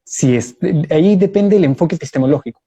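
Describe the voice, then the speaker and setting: A man's voice: on the high side, animated, warm tone, husky. A man answering in a live online debate over a video call, explaining his view step by step with examples. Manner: measured, explanatory, uses examples. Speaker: debate guest.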